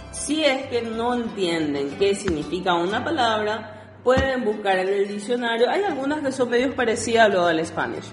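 A woman teaching English to Spanish speakers, explaining exercises and reading each word slowly twice. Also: medium pitch, reverberant, in a large hall. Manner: switches between Spanish and English, reads words slowly twice. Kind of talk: recorded lesson explaining exercises.

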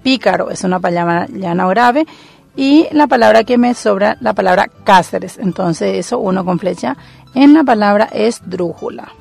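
A woman's voice: medium pitch, moderate pace, gravelly, a little mellow, breathy edge, soft background music. A woman teacher working methodically through exercises, thinking aloud as she goes. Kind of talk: recorded classroom lesson.

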